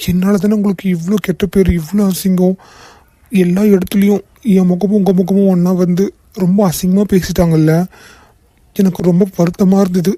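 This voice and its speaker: Guilt-ridden young male boss, voiced by an actor, cartoon: very dark tone, flat delivery, soft and tearful. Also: medium pitch, no echo, close to an everyday voice. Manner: soft-spoken, tearful, repeated apologies. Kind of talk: cartoon voice acting.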